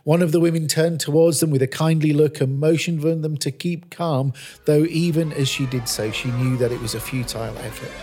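A man preaching, telling a Bible-based story in a measured, earnest storytelling manner. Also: fairly high pitch, steady tone, music in the background. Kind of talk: scripted sermon narration.

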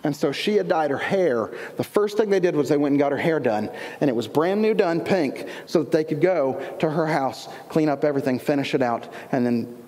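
A man preaching a sermon, telling a lively personal story with acted-out dialogue. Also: a little high, fairly quick, few pauses. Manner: lively storyteller, acts out dialogue, laughs along. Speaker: pastor. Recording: long reverb of a large hall.

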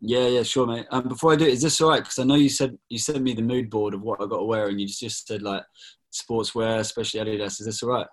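A British man in his thirties, a pastor, chatting in a relaxed, jokey way on a video call. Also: on the low side, quick pace, rough recording. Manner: relaxed, jokey, keeps saying mate. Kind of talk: casual video call interview.

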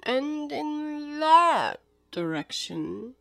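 Storybook mad cat: unhurried drawl, breathy edges, good-natured and matter-of-fact, close dry sound. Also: female voice, sits high, very animated, fairly bright tone, no echo, voice pushed up, heavily acted. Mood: languid, teasing. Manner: slow, drawn-out, matter-of-fact riddling.

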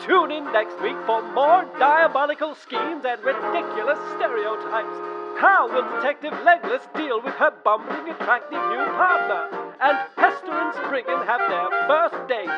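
A man's voice: extremely high pitch, animated, normal speed, highs cut off, over loud music. A man announcing next week's instalment in a mock-dramatic serial style.

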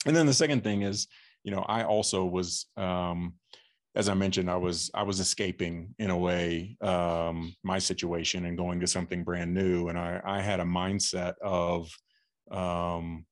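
A middle-aged man from Texas telling his life story as a podcast guest, halting with many fillers and restarts. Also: deep voice, fairly even intonation. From Texas, USA. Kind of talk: casual interview storytelling.

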